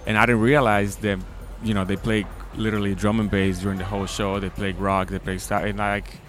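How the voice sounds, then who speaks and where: A man's voice: fairly low pitch, little pitch movement, fairly quick, music in the background. A man in his twenties from the Dominican Republic, a guest DJ chatting casually at an outdoor festival with lots of likes and ums. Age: 20s. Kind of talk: casual interview. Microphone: handheld mic.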